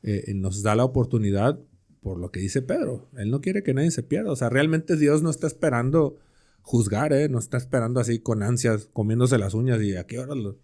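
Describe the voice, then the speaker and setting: A man's voice: medium pitch, a little fast, warm tone. A man co-hosting a podcast, chatting through a Bible passage with slangy everyday examples and rhetorical questions. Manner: slangy, conversational. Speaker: podcast co-host. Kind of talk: casual Bible study chat.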